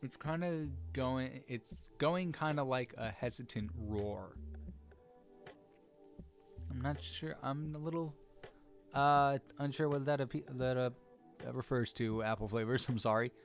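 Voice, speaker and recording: A man's voice: mid-range voice, a little slow, soft background music. A man hosting a live drawing stream, chatting casually with viewers in an easygoing, rambling way with lots of fillers and little chuckles.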